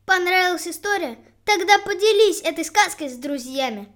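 Children's story co-host signing off, friendly, very high voice. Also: female voice, lively intonation, normal speed, fairly bright tone. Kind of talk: children's podcast sign-off.

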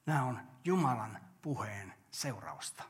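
An older pastor delivers a sermon in an earnest, steady voice. He asks his listeners rhetorical questions and then answers them himself. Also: medium pitch.

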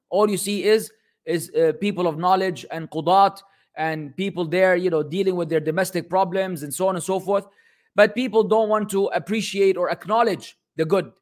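A man from Lebanon, a religious teacher, telling a story in a casual, animated way and mixing in Arabic phrases. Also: high-pitched.

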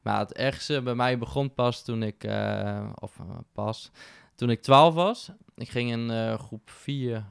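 A man's voice: mid-range voice, slow pace, gravelly, hardly any pauses, smooth, no echo, studio quality. A man talking as a podcast guest in casual conversation, reflective, with frequent fillers and restarts. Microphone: podcast microphone.

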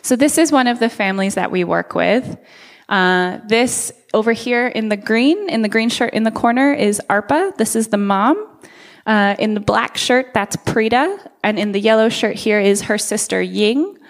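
A woman's voice: a little high, lively intonation, moderate pace. Earnest American woman in a reverberant hall. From United States. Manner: earnest, friendly, with many filler uhs. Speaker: nonprofit speaker at a church. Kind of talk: presentation to a church congregation. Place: church hall.

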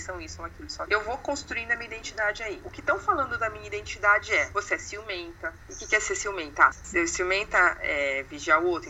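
A woman's voice: lowish voice, sharp tone. A middle-aged woman psychologist with a Brazilian Portuguese accent, explaining ideas in an interview through everyday examples. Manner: didactic, uses everyday examples and acted-out quotes. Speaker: psychologist guest. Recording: dull lo-fi recording, faint noise.

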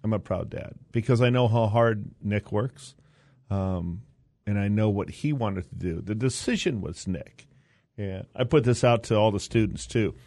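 A man's voice: fairly low pitch, normal speed, warm tone, dry recording, studio quality. Older man rambling through stories. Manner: rambling storyteller, many fillers and restarts. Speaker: interview guest, university board president. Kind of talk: casual interview chat.

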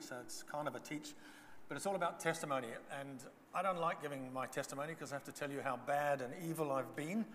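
An older Zambian man whose first language is Bemba gives a church testimony as a guest speaker, telling his story with humor and self-deprecation. His voice sits on the high side with a fairly bright tone. The church hall is reverberant, with faint ambience and slight background noise.

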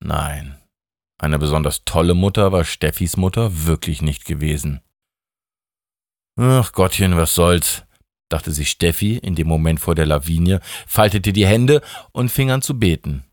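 A man with a northern German accent reading a story aloud on radio, in a deadpan, low-key way. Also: normal speed, dry recording, studio quality. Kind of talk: scripted narration. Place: studio.

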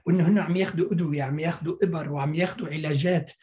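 A man speaks with a Lebanese accent as an expert guest in an interview. He explains things in informal, conversational language. His delivery is halting, with words repeated and sentences restarted. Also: a little high, fairly even intonation, mellow. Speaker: fertility doctor, interview guest.

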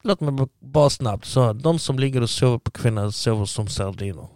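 A man's voice: mid-range voice, a little mellow, no room sound, clean studio sound. A man, the guest, telling a long story casually and acting out what people said to him.

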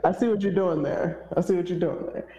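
A woman co-hosting a casual late-night podcast from a hotel media room, lively and hyped, her voice echoing in the room. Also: on the low side, a little fast. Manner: lively and hyped, loud cheers. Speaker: podcast co-host.

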